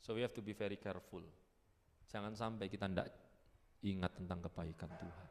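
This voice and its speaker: A man preaching a sermon, animated and swinging between loud and hushed delivery. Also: deep voice, a little fast. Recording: echoey church hall.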